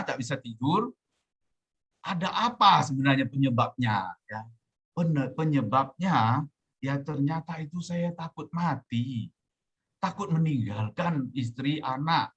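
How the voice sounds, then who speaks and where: A man's voice: medium pitch, fairly bright tone, slightly rough. Middle-aged man telling a sermon story. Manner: conversational, many fillers, acts out his own quoted pleas. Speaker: Buddhist teacher giving a dhamma talk.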